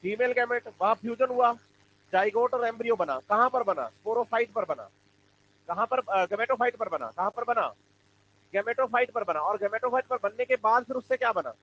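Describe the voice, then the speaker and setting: A high-voiced man lectures a biology class, firing questions at the students and repeating the answers back to them. The recording sounds a little dull, with a faint hum underneath. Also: normal speed, a bit bright. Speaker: biology teacher. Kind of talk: classroom lecture with call-and-response.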